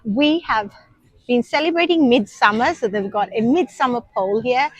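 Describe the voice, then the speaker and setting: Speaking to camera among the shops and seats of a crowded airport, this woman in her thirties, a nursery teacher from Sri Lanka, narrates a relaxed vlog full of ums as she explains things. Her mid-range voice comes through a dry, low-quality recording.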